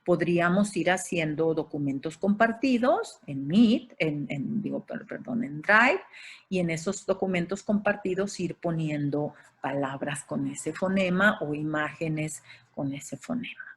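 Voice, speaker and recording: A woman's voice: deep voice, measured pace, husky. A woman giving an online lecture to teachers as an educational consultant, explaining and listing examples with frequent hesitations. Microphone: video call.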